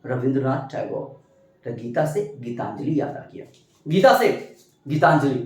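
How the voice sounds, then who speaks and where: A man teaching an exam-prep lesson, animated, asking questions and answering them himself. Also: mid-range voice, normal speed. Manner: animated, asks and answers his own questions. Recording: very echoey room.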